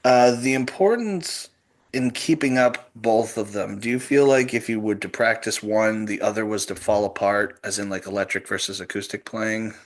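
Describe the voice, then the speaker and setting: A man from just north of the city, hosting a podcast and chatting eagerly, halting and laughing often. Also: lowish voice. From North Shore of Boston, USA. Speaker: podcast host. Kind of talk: casual interview chat.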